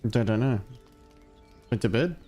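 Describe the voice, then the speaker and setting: Lively, swearing gaming streamer. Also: male voice, medium pitch, moderate pace, soft background music. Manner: swears freely, laughs along. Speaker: streamer playing a game. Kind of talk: casual chat with friends while streaming a game.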